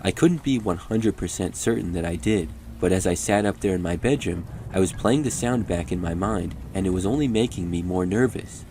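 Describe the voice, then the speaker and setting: A man reading first-person horror stories as a steady, measured scripted narration. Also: low voice, a little hiss or hum.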